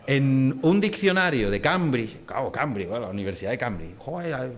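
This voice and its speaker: A man's voice: mid-range voice, lively intonation, fairly quick. A middle-aged man from Huelva with an Andalusian accent, giving a public linguistics lecture in a casual, digressive way with many fillers and restarts. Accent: Andalusian Spanish. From Huelva, Spain.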